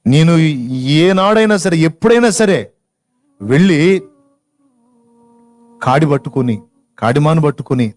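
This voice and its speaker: A man's voice: mid-range voice, a little mellow, lightly acted. A man voicing a grieving farmer who owns an ox cart, speaking in an earnest, mournful way. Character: grieving male ox-cart owner, loyal farmer.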